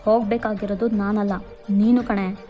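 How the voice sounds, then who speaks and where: A woman voicing a cocky, rough-talking young man who bullies a classmate in an audio story. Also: medium pitch, little pitch movement, normal speed, mellow, soft background music, close to an everyday voice. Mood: taunting. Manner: taunting, rough. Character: brash cocky young man, college bully.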